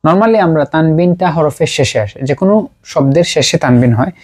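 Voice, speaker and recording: Patient male teacher drilling slow repetitions. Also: a little high, darkish tone. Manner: halting, with frequent pauses and fillers. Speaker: Quran recitation teacher. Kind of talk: explanatory lesson at a writing board.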